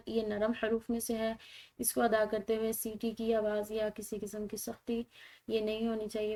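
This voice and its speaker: Patient woman teaching Quran recitation. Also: medium pitch. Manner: explains rules patiently, then recites slowly and loudly. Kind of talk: tajweed lesson with slow drawn-out recitation.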